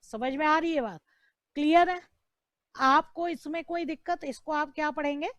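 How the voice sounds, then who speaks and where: A woman's voice: high-pitched, normal speed, no echo, clean studio sound. An Indian woman teaching law in an online lecture, repeating terms, asking the class questions and answering them herself. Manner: checks in with "right?" and "clear?". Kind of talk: online exam-prep lecture.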